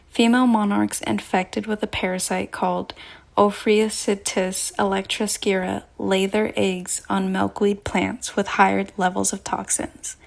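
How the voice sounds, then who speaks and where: Creaky-voiced woman presenting a science explainer. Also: mid-range voice. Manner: explanatory, addresses the listener directly. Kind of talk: scripted educational narration.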